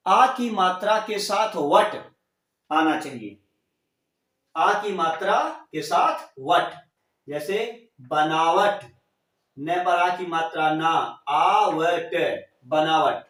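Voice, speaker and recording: A male teacher giving a grammar lesson to students, saying each example word slowly and repeating it, spelling out the vowel marks. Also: on the high side, a bit bright, recorded from a distance. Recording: echoey room, voice from off the mic.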